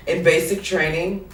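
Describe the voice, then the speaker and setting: A woman host from Africa in casual chat, talking bluntly with lots of swearing. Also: lowish voice. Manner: blunt, profane, animated. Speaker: podcast host. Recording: roomy sound from the mic at a distance.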